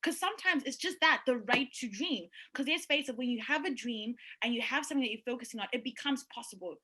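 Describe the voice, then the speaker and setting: A young woman co-hosting a podcast over a video call, talking in an animated, emphatic way and laughing easily. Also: a little high, fast, breathy edge, rough recording. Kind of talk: casual panel chat.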